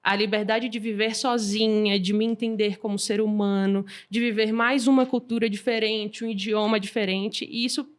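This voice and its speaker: A woman, a guest telling her story in a lively, informal way. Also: medium pitch, normal speed, few pauses. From Salvador, Brazil. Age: 20s. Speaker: guest entrepreneur. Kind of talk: casual interview chat.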